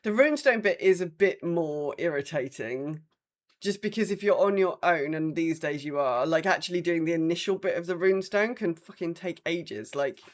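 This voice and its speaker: A woman co-hosting a podcast chats casually about an online game, blunt and sweary in her delivery. Her voice is fairly low with lively intonation, at a moderate pace.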